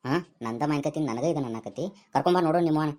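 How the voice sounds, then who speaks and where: A woman playing a scheming young village guy in a comic skit, with a North Karnataka Kannada accent and rapid, scolding banter. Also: low voice, mellow, close to an everyday voice.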